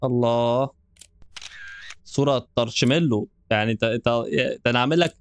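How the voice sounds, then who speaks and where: A man's voice: medium pitch, a little fast, slight background noise. A young man with an Egyptian Arabic accent, giving jokey, nervous commentary while playing a horror game. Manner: jokey, nervous, laughs often. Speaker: gaming channel host. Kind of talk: let's play commentary.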